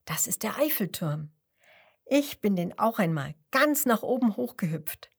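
A cheerful, chatty little frog from France, eager to tell about home, as a woman reads him aloud. The voice is soft and breathy and unhurried, like a storybook telling. He sounds friendly and proud. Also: mid-range voice, sing-song, exaggerated voice.

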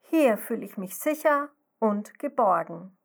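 A woman's voice: mid-range voice, expressive, slow pace, vocal fry, exaggerated voice. A woman voicing a timid, frightened baby snail girl in a children's story, refusing with fearful insistence. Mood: scared.

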